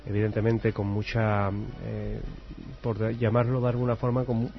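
A man hosting a radio show, chatting warmly with a contributor and presenting the programme. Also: fairly low pitch, completely flat delivery, normal speed, faint music behind. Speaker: radio host. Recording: dull radio sound.

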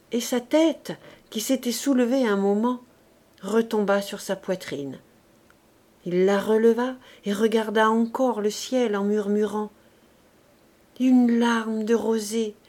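A woman narrates a classic novel in a calm, deliberate reading voice. She takes a very slow, unhurried pace and lets each phrase settle before the next. Her pitch sits in an ordinary middle range. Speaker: audiobook reader. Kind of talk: literary audiobook narration.

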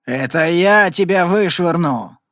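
Male reader doing a giant saloon bully: hoarse, bellowing, threatening. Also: on the high side, very animated, a little slow, a bit bright, no room sound, clean studio sound, full character voice. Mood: enraged. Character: huge brutish male thug, loud and bullying.

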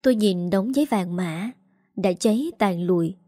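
A woman reading a first-person family story aloud in a sorrowful, measured way. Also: medium pitch, dark tone, no room sound, clean studio sound. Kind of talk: scripted first-person narration.

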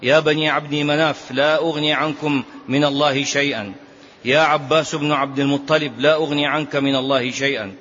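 A man's voice: a little high, fairly even intonation, fairly quick, a bit bright. A man teaching a religious lesson on prophetic biography, reciting narrations emphatically and repeating key phrases. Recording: dull lo-fi lecture recording.

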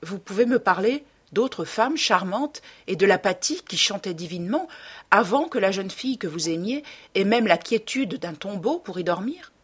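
A woman's voice: mid-range voice, lively intonation, moderate pace, husky. A woman reading the part of a sorrowful, reproachful male painter in an audiobook.

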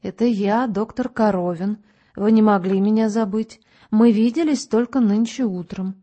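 Woman reading a calm, patient doctor. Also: mid-range voice, natural voice. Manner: measured, explaining, unhurried. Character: calm, patient male doctor, head of asylum.

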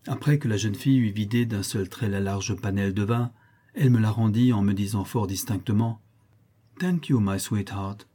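Male audiobook narrator; measured, expressive delivery, dark and husky tone. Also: fairly low pitch.

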